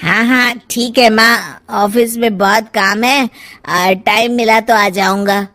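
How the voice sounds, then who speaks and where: Woman voicing a placating grown son, slow-paced. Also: on the high side, steady tone, a bit bright. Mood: evasive. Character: busy grown son, politely placating his mother.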